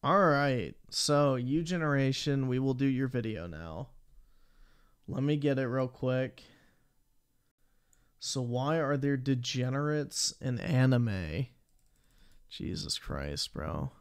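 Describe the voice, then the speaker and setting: A man's voice: medium pitch, takes it slowly, smooth, dry recording, clean studio sound. A young man streaming live, reacting to videos with profane, slangy, scornful commentary.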